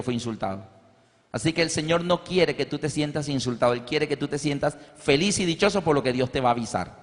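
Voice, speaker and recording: High-voiced preacher in a reverberant hall. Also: male voice. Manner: animated, acts out scenes. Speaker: pastor. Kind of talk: storytelling sermon. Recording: long reverb of a large hall.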